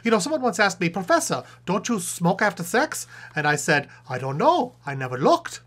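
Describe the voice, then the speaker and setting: A performer voicing a cheeky male puppet professor who hosts a comedic sex-advice show, playful and jokey, with quick muttered asides. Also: mid-range voice, big pitch swings, a bit bright.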